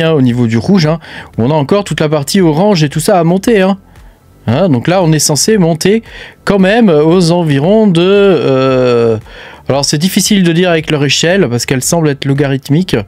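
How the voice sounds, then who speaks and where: Animated and a little high, a man's slightly mellow voice moves at a moderate pace with no echo. He hosts a crypto channel, leading a casual screen-share walkthrough and speaking familiarly to the viewer. Nearly every phrase is filled with "hein" and "euh."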